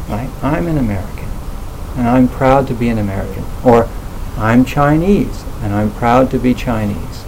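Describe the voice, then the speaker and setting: A man speaking thoughtfully in a relaxed conversational talk, hesitating often with fillers and restarts. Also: mid-range voice, creaky, slight background noise, poor audio.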